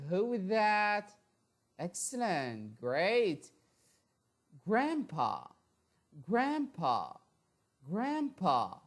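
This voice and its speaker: Woman teaching english sounds, super slow, says every word over and over, voice jumps up and down. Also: on the low side. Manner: repeats each word slowly, several times over. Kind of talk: phonics lesson with drills.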